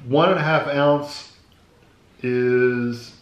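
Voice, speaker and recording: Middle-aged American man, relaxed taste-test talk between crunchy bites, recorded in an echoing room with background noise. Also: mid-range voice, very slow. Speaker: snack reviewer. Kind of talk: casual taste-test chat. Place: small indoor room at a table. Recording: roomy echo, clear background noise.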